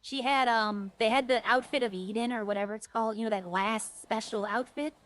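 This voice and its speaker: A woman's voice: a little high, fairly even intonation, fairly quick, fairly bright tone, faint music behind. A woman game streamer talking casually and informally to her viewers, rambling from one thing to the next.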